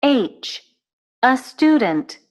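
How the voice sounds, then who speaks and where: Very slow, clear woman reading textbook lines. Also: sits high, very animated, dull audio. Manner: clear, deliberate enunciation. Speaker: textbook audio reader. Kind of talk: scripted textbook dialogue.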